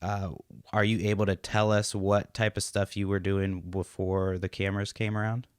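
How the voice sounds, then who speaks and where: A man hosting a podcast, asking long, halting questions full of fillers. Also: fairly low pitch, flat delivery, smooth, no room sound, studio quality. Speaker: podcast host. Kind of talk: casual podcast interview.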